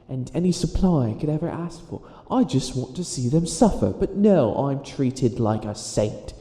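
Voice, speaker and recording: For an ASMR comedy roleplay, a man plays a centuries-old evil witch who is boastful yet bumbling, speaking theatrically in a halting, grandiose manner. His medium-pitched voice is mellow, the sound is roomy, and the acting is light.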